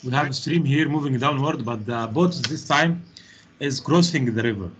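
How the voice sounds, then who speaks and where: A man's voice: mid-range voice, moderate pace, background noise. A man teaching an online physics class over a video call, questioning students and explaining step by step. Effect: heard over a video call. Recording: muffled video-call audio.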